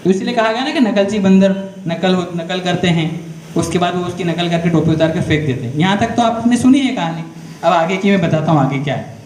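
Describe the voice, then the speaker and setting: This male speaker has a high-pitched, somewhat darkish voice and talks a little fast as he gives school students a motivational talk on careers. Storytelling and step-by-step explanation mark his delivery, along with frequent questions aimed straight at the class. Faint background noise and echo fill the room.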